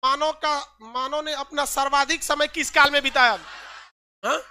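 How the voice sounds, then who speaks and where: A woman's voice: high voice, fairly even intonation, measured pace, bright, forceful tone. A woman teacher running an exam-prep lesson, quizzing students with repeated questions and joking asides.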